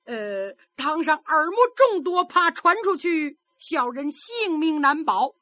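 Woman voicing a desperate young commoner, pleading, lively pitch, dry sound. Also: takes it slowly, dry recording, muffled recording, full character voice. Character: young commoner man pleading in court, frightened.

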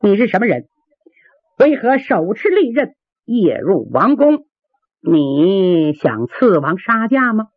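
A woman's voice: medium pitch, big pitch swings, takes it slowly, husky, no echo, exaggerated voice. A woman voicing a haughty, fiery princess. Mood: stern. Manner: imperious, scolding. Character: young proud princess, quick-tempered and commanding. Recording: dry, tinny phone-like sound.

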